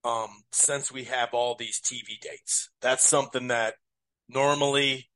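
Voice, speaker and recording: Male podcast host, casual fight talk, middle pitch, dry close sound, rambling filler-heavy delivery. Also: fairly even intonation, measured pace, bright, forceful tone, dry recording. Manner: rambling, self-correcting, many fillers. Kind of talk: casual betting and fight preview chat.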